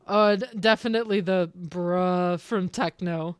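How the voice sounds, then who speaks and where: A woman's voice: lowish voice, fairly even intonation, measured pace, smooth, dry recording, clean studio sound. A young Canadian woman streaming a game, chatting casually with her viewers in a rambling, self-interrupting way and laughing often. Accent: Canadian, with some British-sounding words. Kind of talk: casual chat with live chat while gaming.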